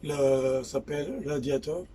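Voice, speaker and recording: A man with a Quebec French accent explaining things aboard a sailboat, pausing and restarting as he talks. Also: fairly high pitch, crowd noise. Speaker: sailing vlog co-host. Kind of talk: casual explaining. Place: aboard a sailboat at a dock, outdoors.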